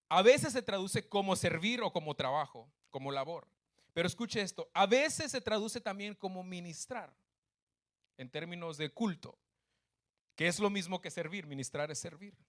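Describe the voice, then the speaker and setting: Pastor, man with a high voice, preaching a sermon in church, emphatic and repetitive, keeps asking the congregation questions. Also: fairly bright tone. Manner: emphatic, repeats key phrases, asks the congregation questions.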